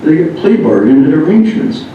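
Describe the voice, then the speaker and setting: An American man, voice on the high side with big pitch swings, reads a little fast through someone else's memoir, enjoying its humorous first-person anecdotes. An echoey indoor room, a far-off microphone, a dull tone and faint noise shape the recording.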